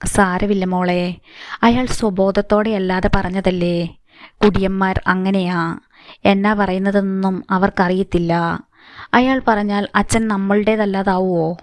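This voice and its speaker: A woman's voice: medium pitch, steady tone, unhurried, no room sound, close to an everyday voice. A woman voicing a desperate young woman, the eldest sister, speaking urgently in a story. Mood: soothing.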